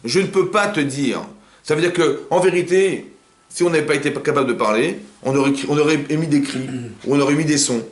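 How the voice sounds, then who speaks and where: Fast-talking rabbi in a roomy room. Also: male voice, on the high side. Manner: rapid, animated, asks the audience rhetorical questions. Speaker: rabbi teaching a class. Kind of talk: informal Torah class. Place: living room of a private home. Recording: roomy home recording.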